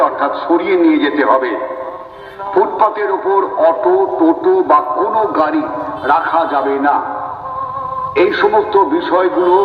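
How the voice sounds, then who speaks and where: Male public announcer, West Bengal Bengali accent, formal megaphone delivery, distant with long reverb. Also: fairly high pitch. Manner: loud, deliberate public-address delivery, as through a megaphone. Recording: muffled, distant loudspeaker with echoing reverb.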